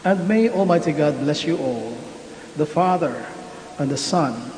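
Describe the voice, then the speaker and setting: Give me a priest with a cathedral echo. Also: male voice, fairly high pitch, expressive, a little mellow. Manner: measured liturgical intoning. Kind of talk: celebrating an online Mass. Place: large church. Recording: echoey hall with faint hiss.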